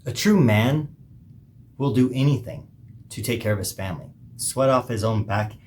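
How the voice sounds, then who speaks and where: A man hosting a podcast, giving an emphatic, preachy monologue with pauses between phrases. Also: mid-range voice, darkish tone, a little hiss or hum. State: hiccuping. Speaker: podcast host. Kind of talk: opinionated monologue.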